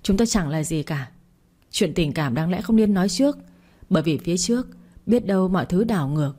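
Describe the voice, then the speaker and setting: A woman's voice: lowish voice, expressive, fairly quick, dark tone. A woman reading as a heartbroken pregnant young wife, bitter and resigned. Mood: grieving.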